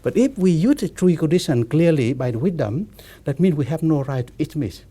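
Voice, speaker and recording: In a laid-back conversation, a slightly high-voiced monk in his fifties speaks non-native English that stalls, repeats itself, and restarts often.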